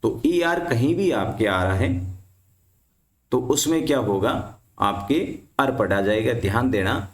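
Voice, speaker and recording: A man's voice: medium pitch, animated, measured pace. Man teaching in an echoey room. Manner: repeats questions to the class and answers them himself. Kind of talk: explaining English reading rules to students.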